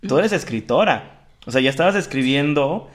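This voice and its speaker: A man's voice: fairly high pitch, lively intonation, moderate pace. A man hosting a casual podcast chat, teasing and rambling with restarts. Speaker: podcast host.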